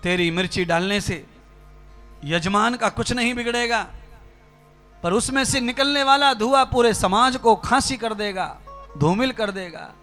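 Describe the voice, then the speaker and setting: A man's voice: high-pitched, measured pace, a bit bright, soft background music. A man preaching a sermon, exhorting his listeners with rhythmic repeated phrases. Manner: exhorting, direct address to listeners, rhythmic repetition. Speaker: spiritual preacher.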